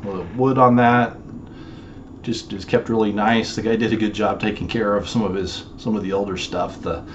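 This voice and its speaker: This casual show-and-tell vlog features a man in his forties who resells storage unit finds, chatting loosely with plenty of fillers while handling items in his small home office. He speaks in a mid-range voice, and the audio is dull, with noise in the background.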